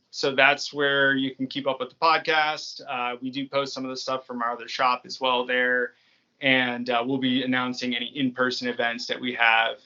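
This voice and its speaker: A New England podcast creator speaks as a relaxed, rambling interview guest. His voice is mid-range with a sharp tone, and the recording is muffled.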